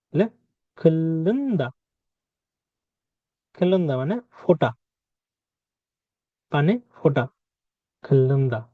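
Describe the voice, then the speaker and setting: A man teaches a language lesson, saying each word slowly and repeating it for practice. His voice sits a little high for a man. The recording is dry, with no room sound, and slightly dull. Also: no echo. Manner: repeats words slowly, drilling pronunciation. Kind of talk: spoken lesson.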